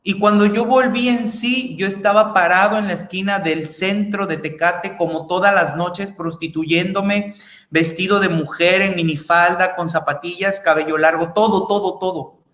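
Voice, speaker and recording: A man's voice: sits high, fairly even intonation, moderate pace, a bit bright. A man giving an earnest religious testimony, speaking to listeners as brothers and sisters. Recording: roomy echo.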